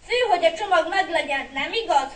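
A woman reading a story aloud and voicing a hot-tempered older boy who snaps and bosses his little brother. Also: very high-pitched. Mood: coaxing. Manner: snapping, bossy. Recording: echoey hall from far off.

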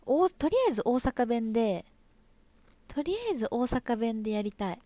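A young woman with an Osaka accent hosts a casual live stream, chatting playfully and reacting to viewer comments. Her voice sits a little high. The sound is close and dry. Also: lively intonation, moderate pace, warm tone, dry recording. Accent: Osaka Kansai dialect. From Osaka, Japan. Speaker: livestream host and stage actress.

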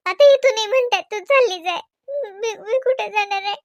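A woman's voice: very high voice, steady tone, unhurried, no room sound, highs cut off. A woman voicing a remorseful young married woman who pleads and apologizes, with a Varhadi Marathi accent, in a cartoon. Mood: pleading. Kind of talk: cartoon voice acting.

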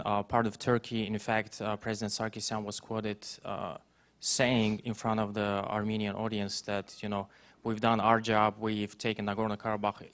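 A man, a journalist from the audience, asking a long question with frequent halting fillers. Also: on the low side, a bit bright.

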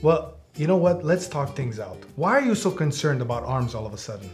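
A man in his forties plays mediator in a children's sketch. He explains things in an encouraging way, with lively, swinging intonation. Faint music sits behind him. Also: medium pitch, a little fast. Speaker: father and mediator in children's show. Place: studio, seated at a table.

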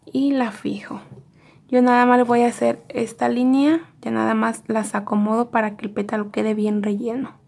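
A woman teaching embroidery step by step in a calm, methodical way. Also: fairly high pitch, moderate pace, vocal fry. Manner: calm, methodical, repeating each stitch step. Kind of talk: step-by-step craft tutorial.

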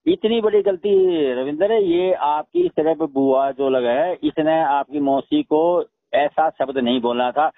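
On a recorded phone call, a middle-aged Haryanvi-accented man, a father-in-law caught up in a family dispute, argues insistently and repeats himself to be heard. His voice runs on the high side at a measured pace, with hardly any pauses and no room sound.

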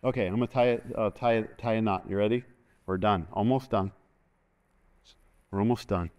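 A middle-aged man preaching a sermon from a church stage, animated and constantly calling for an "amen" from the congregation. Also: on the low side, normal speed, clear, resonant tone. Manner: animated, moves about the stage, call-and-response asking "amen". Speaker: pastor. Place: large church stage, indoors.

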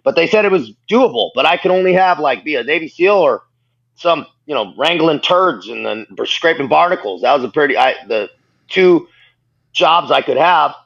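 Here a guest in his thirties, calling in by video from his living room, recounts his story with bluntness and frequent self-deprecating laughter during a candid interview. His voice runs a bit high and bright, expressive with vocal fry, at an ordinary pace. The sound quality is dull lo-fi video call audio.

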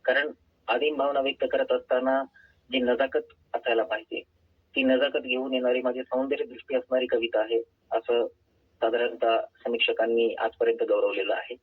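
A man calling in to a radio phone-in program as an author and poet, speaking over a phone line in a measured, earnest way. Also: mid-range voice, flat delivery, slightly rough. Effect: heard over a phone line. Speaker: author and poet, guest caller. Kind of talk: phone-in interview answers.

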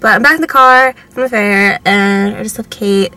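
A woman's voice: mid-range voice, normal speed, pushed and bright. A young woman vlogging casually from inside a car, talking to a camera at arm's length. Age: young adult. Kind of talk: casual vlog chat.

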